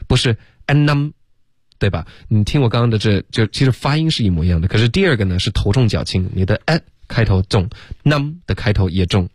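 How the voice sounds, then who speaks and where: A man's voice: lowish voice, breathy edge, dry recording, studio quality. A male teacher on a radio English lesson who drills sounds by repeating them and mixes English into his Chinese.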